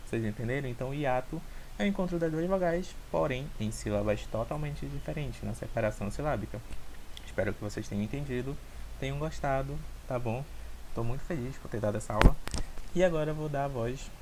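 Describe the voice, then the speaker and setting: A man's voice: mid-range voice, brisk, darkish tone, slight background noise, poor audio. A man with a Brazilian Portuguese accent presenting a recorded class, patiently repeating points and checking in with his listeners. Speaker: student teacher.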